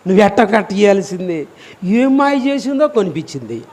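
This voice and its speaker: A man preaching a fiery, scolding sermon as pastor, voice climbing to shouts. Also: high voice, big pitch swings, a little fast. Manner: scolding, emotional, rises to shouting; acts out congregation members in quoted asides.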